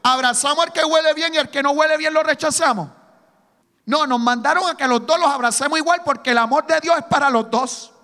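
A male preacher delivers an emphatic sermon in a very high, bright voice. He keeps firing rhetorical questions at his congregation. His voice rings with the long reverb of a church sanctuary. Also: a little fast.

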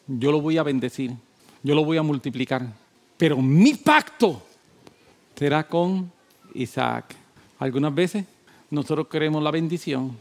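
A male pastor delivers a sermon in a somewhat high voice. He repeats his points with emphasis, rising into loud exhortation and then dropping into quiet, low talk.

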